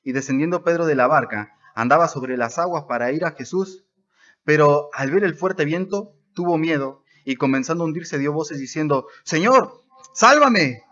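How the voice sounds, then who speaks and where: A man's voice: fairly high pitch, normal speed, a bit bright, dull audio. A man preaching a sermon as pastor at a church service, stressing words by rising and dropping his voice.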